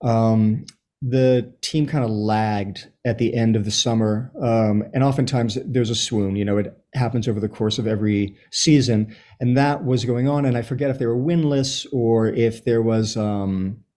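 Speaking as an interview guest, a Chilean-born soccer writer and supporter living in Los Angeles muses through his answers, pausing as he tells stories. He's in his fifties, sounds American, and has a warm, mid-range voice.

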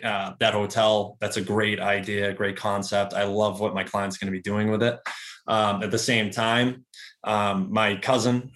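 Man in his thirties, slightly low voice. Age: 30s. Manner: relaxed, rambling, many fillers and restarts. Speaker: real estate agent and investor, guest. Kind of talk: casual conversational interview.

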